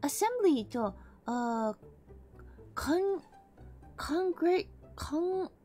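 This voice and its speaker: Woman from the American South, streamer teaching English; high, bouncy voice, playful with mock-angry slang outbursts, faint music behind. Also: expressive, slow pace, dark tone. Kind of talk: casual live-stream English lesson.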